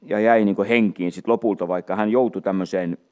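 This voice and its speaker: Low-voiced man teaching from the Bible. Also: fairly even intonation, darkish tone, clear, resonant tone. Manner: unhurried, many fillers and restarts, reads scripture aloud. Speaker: preacher.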